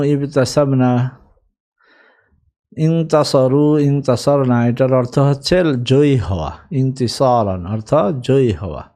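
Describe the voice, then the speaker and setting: A man's voice: mid-range voice, dark tone. A man teaching an Arabic grammar lesson, patiently drilling verb forms one by one.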